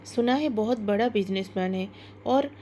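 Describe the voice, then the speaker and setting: A woman's voice: medium pitch, a little slow, warm tone, a little hiss or hum, close to an everyday voice. A woman voicing a jealous, gossipy young female cook in a storybook narration, in a chatty, grumbling manner. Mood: gushing.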